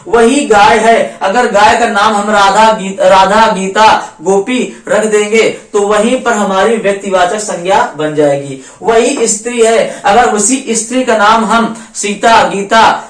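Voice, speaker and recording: A man's voice: extremely high pitch, fairly bright tone, recorded from a distance. A male teacher talks through a grammar lesson for exam students. He repeats each rule and answers his own questions. His voice rings around an echoey room and sits some way off the mic.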